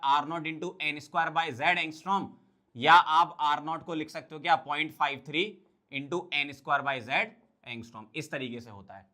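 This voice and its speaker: A man teaching exam-prep chemistry, quickly asking questions and answering them himself. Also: a little high, sharp tone. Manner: quick, drilling, asks and answers his own questions. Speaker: chemistry tutor.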